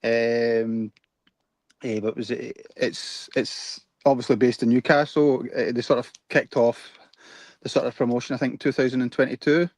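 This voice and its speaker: A man in a casual chat, talking haltingly and repeating "eh, what was it". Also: mid-range voice, fairly even intonation, darkish tone, dry recording. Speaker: guest co-host.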